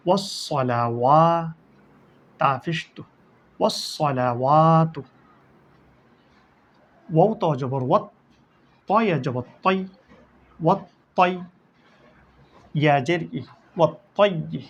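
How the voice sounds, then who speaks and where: Male recitation teacher, slightly high voice, very unhurried, lesson tone, muffled low-fi sound. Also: lively intonation, slightly rough. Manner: slow, drawn-out syllable-by-syllable recitation. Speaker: Quran teacher. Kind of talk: recitation lesson, spelling out letters.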